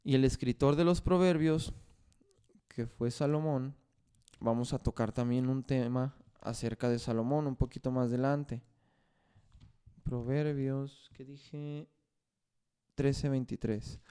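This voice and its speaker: Mellow, smooth-voiced pastor preaching. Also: male voice, medium pitch, steady tone, takes it slowly, pauses often. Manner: repeats phrases and scripture references while preaching. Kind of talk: sermon.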